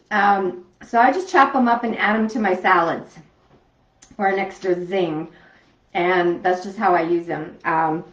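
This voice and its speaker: A woman talks her way through a home kitchen demonstration in a loose, chatty manner, full of ums and small restarts. Her voice sits at an ordinary middle pitch. The sound is roomy and slightly muffled, as if picked up from a few steps away. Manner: chatty, rambling, frequent ums. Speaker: home cooking vlogger. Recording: echoey room, distant dull mic.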